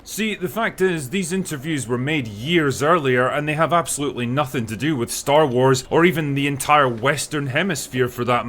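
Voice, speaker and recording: A man's voice: mid-range voice, a bit bright. Sardonic man in scripted commentary. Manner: dry, sardonic, measured delivery. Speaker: video critic.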